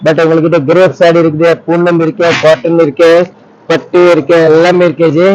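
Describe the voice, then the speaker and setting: Man, Indian accent, fairly high voice, urging repetitive shop pitch, dull lo-fi recording. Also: little pitch movement, a little fast, darkish tone. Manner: repetitive, urging, frequent rhetorical questions. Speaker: saree shop owner and sales presenter. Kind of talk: enthusiastic sales pitch.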